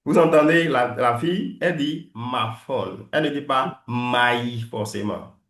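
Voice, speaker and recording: A man teaching an online class, coaching pronunciation, lively and teasing as he drills his students. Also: on the high side, normal speed, reverberant. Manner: lively, teasing, switches between French and English drills. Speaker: English teacher.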